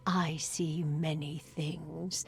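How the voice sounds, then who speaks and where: An actress playing a mysterious, coaxing fortune teller in a video game, with a theatrical, mystic delivery and a husky, breathy voice. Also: female voice, deep voice, little pitch movement, a little mellow, slight background noise, heavily acted. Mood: coy, bargaining. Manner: theatrical, mystic, slow and drawn-out.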